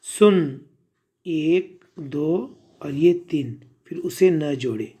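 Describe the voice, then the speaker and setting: A man's voice: fairly high pitch, extremely slow, warm tone. A male teacher, patiently sounding out letters and asking the class to repeat words. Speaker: primary school Urdu teacher. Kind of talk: slow spelled-out reading lesson for children.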